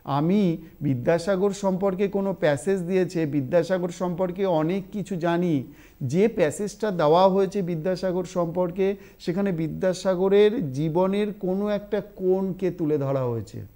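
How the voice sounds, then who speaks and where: A male teacher giving an online exam-prep lesson, speaking slowly and deliberately as he dictates a passage and calls out its punctuation. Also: high-pitched, mellow.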